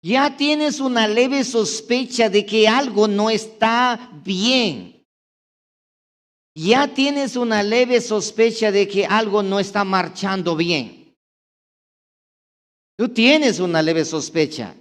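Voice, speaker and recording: A man's voice: high voice, takes it slowly. A man pastor giving a sermon, talking straight to his congregation with repeated rhetorical questions and insistent repetition. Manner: addresses the congregation directly.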